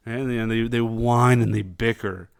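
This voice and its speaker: A man hosting casual political commentary, talking in a halting way with many fillers and restarts. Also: mid-range voice, steady tone, creaky, clear, resonant tone, no echo, studio quality.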